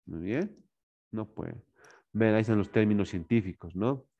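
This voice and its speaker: A male teacher with a Bolivian Spanish accent gives a classroom lecture in a lowish voice at normal speed. He calls the students "señores" and keeps tagging his lines with "¿no?" and "muy bien". The recording sounds muffled.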